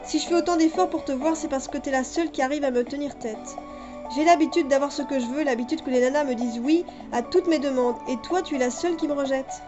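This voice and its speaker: Brief: woman reading a smug teen boy suitor, high voice, dull lo-fi sound, music bed. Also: fast, natural voice. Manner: smug, teasing. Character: cocky teenage boy suitor, stubborn.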